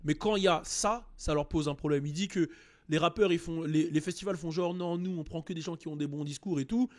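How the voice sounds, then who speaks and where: Man, casual rap commentary host, slightly high voice, animated, joking digressions. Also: a little fast. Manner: animated, acts out quotes in raised voices.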